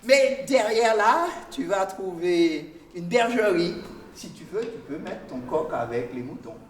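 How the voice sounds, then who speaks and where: A man's voice: sits high, animated, a little slow, a little hiss or hum. A man voicing an indulgent, good-natured older king in a told folk tale, recorded live in a large hall. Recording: echoey hall from far off.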